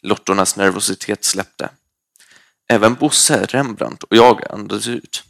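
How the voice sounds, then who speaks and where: Gravelly low-voiced male storyteller. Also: a bit bright, dry recording, clean studio sound. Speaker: audiobook narrator. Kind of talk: first-person storybook reading.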